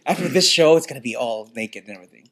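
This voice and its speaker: A man's voice: mid-range voice, expressive, rapid-fire, a bit bright. A man hosting a casual group podcast, giggly and rambling as he chats. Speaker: podcast host.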